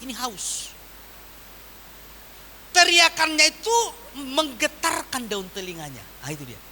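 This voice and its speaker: A man preaching a sermon as pastor, swinging from loud emphatic lines to quiet soft ones. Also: very high-pitched, unhurried, slight background noise. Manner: animated preaching with wide swings in volume.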